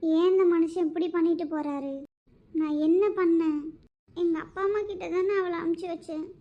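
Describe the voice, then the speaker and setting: A woman voicing a high, pleading cartoon mother. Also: steady tone, moderate pace, dark tone, dull audio. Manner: pleading, soothing, anxious. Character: worried pleading wife and mother.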